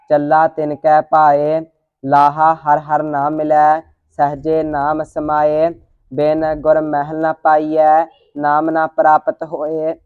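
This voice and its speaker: A student slowly reciting scripture line by line in a steady monotone. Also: mid-range voice, clean tone, dry recording, phone-quality sound. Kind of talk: slow chanted scripture recitation.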